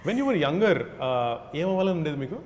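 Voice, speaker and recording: A man hosting an interview, asking quick rapid-fire questions in a playful, teasing way. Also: high voice, expressive. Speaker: interview host. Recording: roomy reverb, faint background noise.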